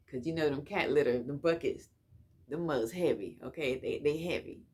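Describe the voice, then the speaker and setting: A woman's voice: sits low, normal speed, darkish tone, breathy edge. A woman telling stories from her past in a casual, slangy way, repeating phrases for emphasis. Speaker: couponing vlogger. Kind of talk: casual reminiscing storytelling.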